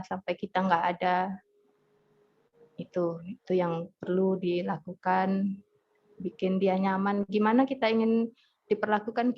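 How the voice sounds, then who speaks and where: A woman, a hypnotherapist telling family stories in a parenting talk, acting out dialogue. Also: medium pitch. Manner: chatty, storytelling, acts out family dialogue. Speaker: hypnotherapist speaker. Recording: dull lo-fi audio with faint noise.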